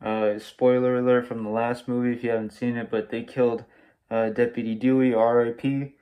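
A man's voice: mid-range voice, little pitch movement, normal speed, warm tone. A young American man casually reviews a movie in an enthusiastic, slangy way, speaking through a face mask. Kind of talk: casual spoiler-free video review. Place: small room at home, indoors.

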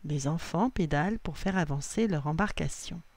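A woman reading a children's storybook aloud in an expressive read-aloud manner. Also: sits low, normal speed, no room sound.

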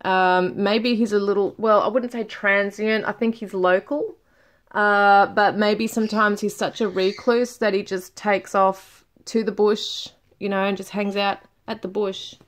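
A woman's voice: mid-range voice, steady tone, unhurried. A middle-aged woman doing a casual tarot reading to camera at home, thinking aloud with many fillers and restarts. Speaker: tarot reader.

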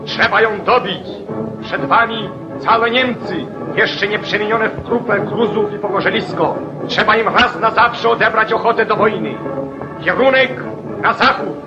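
A man's voice: high voice, measured pace, dull audio, over music. A man narrating a 1940s newsreel in a rousing, declamatory, rhetorical way, as on an old newsreel soundtrack.

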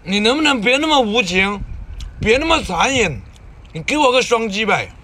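A man's voice: high voice, sing-song, normal speed, bright, forceful tone, slight background noise. A man eating on camera and chatting casually to viewers, talking with his mouth full while chewing, coaxing and playful. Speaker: mukbang eater.

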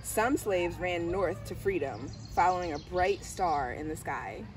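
This clip has the school's middle-aged diversity director telling a picture book story on a garden bench under the trees. Her voice is on the low side, a little slow, with lively intonation. Recorded by a camera a few steps off, it carries outdoor background noise.

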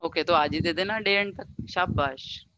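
A woman's voice: fairly low pitch, highs cut off, very noisy. A woman teacher running an online class over a video call, explaining step by step and mixing Hindi with English. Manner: reads through an attendance list briskly.

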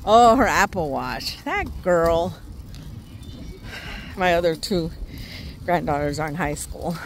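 An older woman with a fairly low, animated voice talks slowly while vlogging on a walk through a park. She chats casually, sounds slightly out of breath, and uses baby talk with her dog. The outdoor phone recording picks up background noise.

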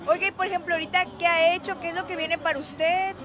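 A friendly, agreeable interviewer talking quickly in a very high voice out on a street. A clear crowd murmurs all around the conversation. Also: fairly even intonation, a bit bright. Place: outdoors on a city street. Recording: outdoor street with crowd noise.

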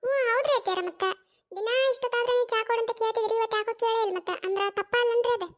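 A performer doing a squeaky, pestering cartoon daughter-in-law. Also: racing. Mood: coaxing. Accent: North Karnataka Kannada. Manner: coaxing and insistent, repeats pleas. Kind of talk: cartoon comedy skit.

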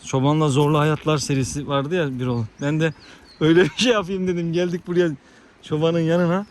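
A man filming a casual vlog on a farm, his voice a little high. He swings between excited shouts and soft, soothing words to the dogs. Faint noise sits under the recording. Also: brisk. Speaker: vlogger.

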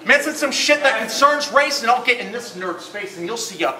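A man's voice: very high-pitched, animated, fairly quick. A man from Arizona spitting a taunting, punchline-driven battle rap verse in front of a crowd. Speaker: battle rapper. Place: barbershop event space. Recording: echoey room with a loud crowd. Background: crowd reacting.

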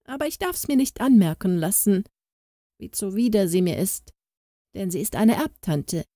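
A woman's voice: mid-range voice, very animated, normal speed, warm tone, no echo, studio quality. A woman voicing a hypocritical housewife who gushes with sugary, overdone politeness in a storybook. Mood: annoyed. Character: scheming hypocritical housewife, gushing and false.

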